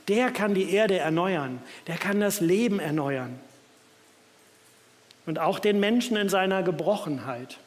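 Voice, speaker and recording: A man gives a sermon with a fairly high voice and a reflective manner, reading scripture passages aloud. His words ring out with a long reverb from the church around him. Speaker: preacher.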